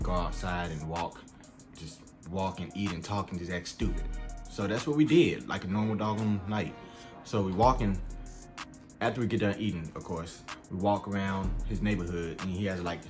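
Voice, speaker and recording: A young man with a fairly low voice tells a story in a loose, rambling, slangy way. Faint music plays behind him. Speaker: vlogger. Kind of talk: storytime vlog.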